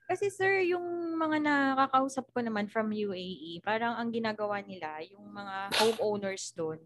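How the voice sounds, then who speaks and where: A woman hosts a relaxed interview, asking long, meandering questions in a polite tone and laughing often. She is from the Philippines, and her voice sits at an ordinary pitch for a woman. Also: normal speed. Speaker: interviewer host. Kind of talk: casual interview chat.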